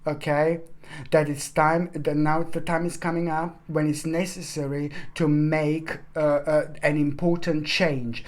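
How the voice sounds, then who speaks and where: A tarot reader with a deep, slightly mellow voice reads her weekly forecast, gushing and effusive with plenty of fillers and restarts. She calls her listeners pet names, addressing them as "my gorgeous" followed by their sign.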